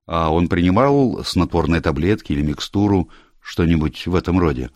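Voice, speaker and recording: A man's voice: low voice, expressive, moderate pace, a little mellow, dry recording. A man voicing a tired, cautious older lawyer in an audiobook, probing and careful in his questions. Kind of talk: audiobook character reading.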